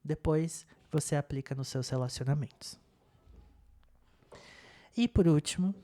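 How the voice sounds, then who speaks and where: A young man presenting a self-help lesson in a calm, casual way, often repeating and rephrasing as he goes. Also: mid-range voice. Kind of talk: casual instructional talk.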